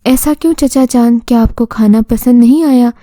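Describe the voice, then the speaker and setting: A woman's voice: on the high side, moderate pace, warm tone, dry recording, studio quality, natural voice. A woman voicing a polite young man who reassures his uncle in a storybook tale. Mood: reassuring.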